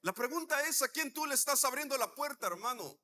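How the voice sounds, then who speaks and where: A man with a very high, bright voice preaches to his congregation. He tells stories and acts out the dialogue as he goes, stopping often to ask his listeners questions. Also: a little fast, soft background music. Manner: animated storytelling preacher acting out dialogue. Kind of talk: sermon.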